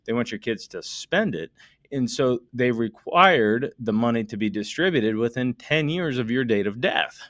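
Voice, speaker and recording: Here a middle-aged American estate planning attorney speaks in a lowish voice, the sound clean and studio-made with no echo. It's an emphatic explanatory monologue aimed right at listeners, full of rhetorical questions and math worked out loud.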